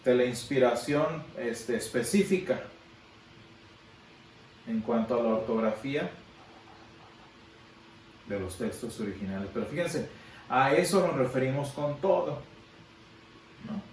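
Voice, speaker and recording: A man's voice: mid-range voice, animated, measured pace, long pauses, slight background noise. A man teaching a Sunday school Bible class, explaining patiently and asking his listeners questions. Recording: echoey room, from far off.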